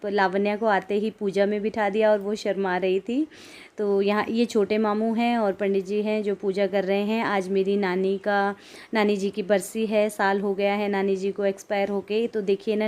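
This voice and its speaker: A woman's voice: mid-range voice, level tone, normal speed, a little mellow. A woman from Himachal Pradesh with a Himachali accent, narrating a casual vlog and talking straight to her viewers in a chatty way. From Himachal Pradesh, India. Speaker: vlogger.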